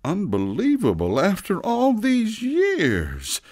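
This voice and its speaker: Man playing slow-talking fatherly Santa, wildly swooping pitch. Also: huge pitch swings, darkish tone, no echo, studio quality, heavily acted. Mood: exasperated. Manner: halting, emotional, deliberate pauses. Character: Santa Claus, older fatherly man, earnest and flustered. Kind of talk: acted children's audio story.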